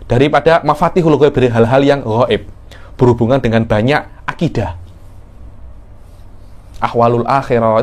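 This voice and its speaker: A middle-aged man teaches a religious studies class. His delivery is explanatory and unhurried, with restarts and repetitions. He lifts his voice sharply to stress key points. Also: a little high. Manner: explanatory, repeats words, rising emphasis on key points. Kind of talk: classroom lecture.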